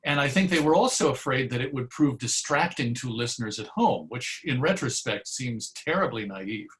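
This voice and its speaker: Here an old-time radio host and historian, interviewed as a guest, talks through history conversationally, reflecting and digressing as he goes. His medium-pitched voice has a fairly bright tone, expressive delivery, and a moderate pace.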